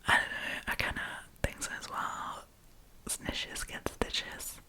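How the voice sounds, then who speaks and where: A woman ASMR host whispers slowly in a breathy, unvoiced manner, her tone bright and forceful. She reads stories and weighs in on them in a chatty, casual, opinionated style.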